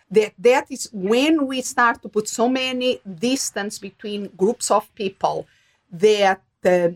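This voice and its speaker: Middle-aged woman, Portuguese accent, reflective and animated in conversation. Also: mid-range voice. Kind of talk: conversational discussion.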